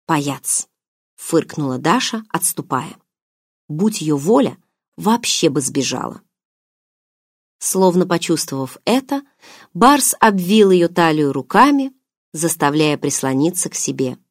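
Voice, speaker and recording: A woman reading an audiobook novel in an even, measured way. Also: sits low, husky, dry recording, clean studio sound. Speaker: audiobook narrator. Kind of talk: scripted audiobook narration.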